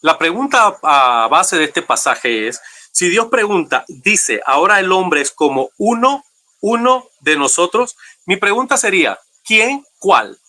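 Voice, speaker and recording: A man's voice: high-pitched, very animated, measured pace, sharp tone. A man from Panama, a pastor, speaking courteously and formally in a debate, emphatic as he poses his question.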